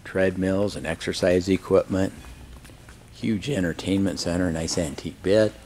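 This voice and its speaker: The speaker is a man promoting a sale as an auctioneer, narrating casually and without a script as he walks a large warehouse showroom and later an outdoor lot. His low-pitched voice is a little mellow, with fairly even intonation at a moderate pace. A handheld camera mic, with the operator behind the camera, captures camcorder audio with a faint hum of background noise.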